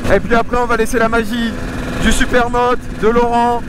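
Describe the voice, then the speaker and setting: A high-voiced man talks loudly from inside a helmet as he rides. His delivery is casual, excited and slangy, like a motovlogger. Engine and vehicle noise runs faintly behind him. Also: normal speed. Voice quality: voice heard from inside a motorcycle helmet. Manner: loud, raised voice over the engine, slangy. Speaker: motovlogger presenting a camera. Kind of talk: casual excited vlog talk while riding. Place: outdoors on a moving motorcycle, inside a helmet. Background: motorcycle engine and road noise.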